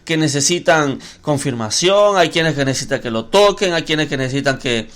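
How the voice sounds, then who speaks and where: A man's voice: fairly high pitch, expressive, normal speed, fairly bright tone. A man preaching a sermon on a podcast microphone, emphatic and repetitive, asking rhetorical questions. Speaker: pastor.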